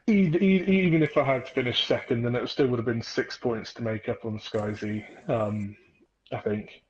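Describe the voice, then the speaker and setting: A man's voice: medium pitch, moderate pace, slight background noise. A man answering casually in a post-race interview as a driver, reflective and conversational, on lo-fi voice chat. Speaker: racing driver being interviewed. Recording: dull lo-fi voice chat.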